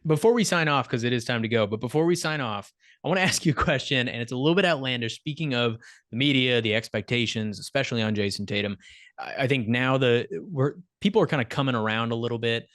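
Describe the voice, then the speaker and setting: Male podcast co-host, mid pitch, animated stat-heavy talk, dry close mic. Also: fast, dry recording. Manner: animated, rattles off stats, laughs mid-sentence. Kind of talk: casual sports podcast chat.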